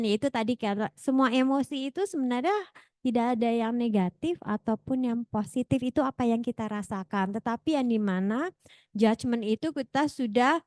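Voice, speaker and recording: A woman's voice: a little high, darkish tone, no room sound, clean studio sound. A woman moderating an academic seminar Q&A, reading out questions, friendly and laughing often. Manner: friendly, laughs often, rephrases as she goes.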